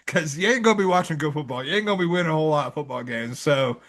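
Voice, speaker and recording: A man's voice: on the high side, racing. A man co-hosting a sports podcast, casual and slangy, laughing often between remarks. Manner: loud laugher, slangy, says bro and baby. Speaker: podcast co-host.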